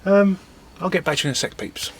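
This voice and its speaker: A man's voice: sits high, expressive, fast talker. A man chatting casually and mocking himself as he strips old computer parts for scrap in his garage. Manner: chatty, self-mocking, muttering while working. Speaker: scrapping vlogger. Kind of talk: casual chat while working.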